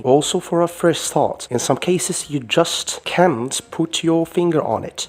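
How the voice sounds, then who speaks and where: A man's voice: a little high, darkish tone. A man from Morocco with a Moroccan accent, reading out a scripted opinion for a radio show.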